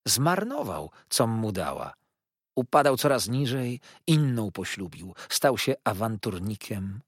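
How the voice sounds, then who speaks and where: A man's voice: fairly low pitch, breathy edge, no echo, studio quality, full character voice. A man reading an audiobook, voicing a proud, wounded older aunt who speaks in a dignified, reproachful way.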